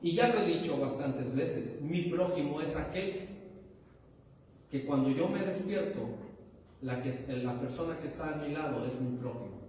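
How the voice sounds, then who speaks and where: Pastor preaching in an echoey hall. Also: male voice, a little high, normal speed, a little mellow, recorded from a distance, a little hiss or hum. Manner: asks the congregation questions, rising to emphatic bursts. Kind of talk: sermon. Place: church hall.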